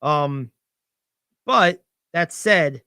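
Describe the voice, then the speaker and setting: A young man co-hosting a sports radio show, animated and confident as he talks through football picks, piling on "I think". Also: a little high, drawn-out words, smooth, no room sound, studio quality. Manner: animated, gets louder when excited, many "I think"s. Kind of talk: sports betting talk.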